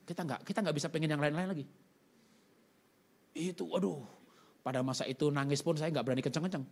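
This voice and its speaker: A middle-aged man preaching a sermon testimony, telling his story with animated swings from loud outbursts to hushed pleading. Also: a little high, quick pace, vocal fry.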